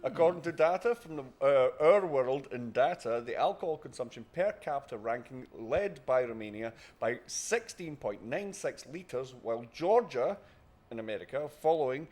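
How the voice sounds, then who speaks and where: A man's voice: medium pitch, animated, normal speed, darkish tone. A Scottish man hosting a quiz on a casual podcast, reading out questions, laughing and swearing freely. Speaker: quiz host.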